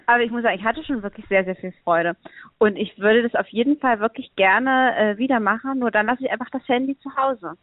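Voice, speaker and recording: A woman's voice: on the high side, fairly quick, dry recording. A woman podcast co-host chatting casually and laughing easily, heard over a phone line. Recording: tinny dry phone line.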